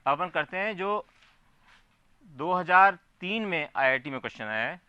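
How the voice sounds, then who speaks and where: A man's voice: on the high side, lively intonation, normal speed, sharp tone, smooth, no echo, lo-fi sound. A man teaching a physics class, explaining step by step and often asking his students whether they follow. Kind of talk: classroom lecture.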